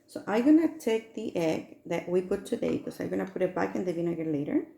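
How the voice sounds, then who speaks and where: A woman's voice: lowish voice, animated, brisk, gravelly, warm tone. A woman with an upbeat, sing-song children's presenter manner, guiding young kids step by step through a science demonstration. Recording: echoey room.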